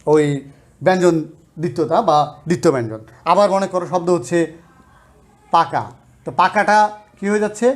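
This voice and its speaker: High-voiced man teaching grammar. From Bangladesh. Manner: explanatory, checks in often with rhetorical questions. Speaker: college lecturer. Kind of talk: grammar lesson.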